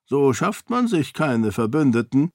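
A man voicing an older duke in an audiobook, gruff and measured in his speech. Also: mid-range voice, sing-song, dry recording, studio quality, pitched above the performer's own voice. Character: older duke, gruff self-styled old bear. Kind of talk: audiobook character voice.

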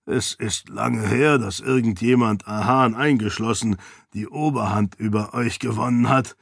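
A man voicing a croaky older uncle in an audiobook, wry and good-humored. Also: on the low side, measured pace, no room sound, clean studio sound. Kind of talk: audiobook character voice.

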